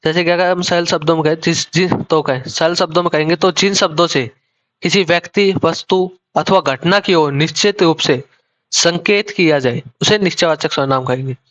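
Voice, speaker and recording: A man with a somewhat high voice teaches a grammar lesson. He explains slowly and repeats himself, often breaking off and restarting his phrases. The recording sounds dull and lo-fi. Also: a bit bright. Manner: slow, repetitive explaining with self-corrections.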